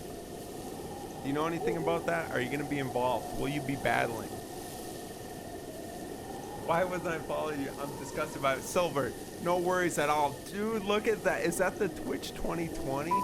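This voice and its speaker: Male game streamer, easygoing and friendly, gravelly voice, loud noisy recording. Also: medium pitch. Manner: upbeat, chatty, greets and thanks viewers by name. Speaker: variety streamer. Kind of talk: casual live game-stream commentary. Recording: loud background noise.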